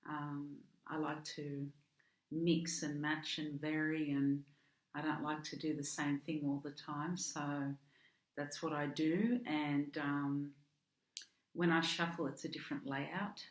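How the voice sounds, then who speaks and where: In an echoey room, a woman with an Australian accent reads tarot for the month, speaking slowly in a low-pitched, level tone. The casual reading is hesitant, with many ums and restarts.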